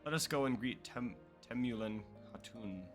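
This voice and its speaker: A man's voice: mid-range voice, normal speed, over music, lightly acted. A man reading as a courteous young lord.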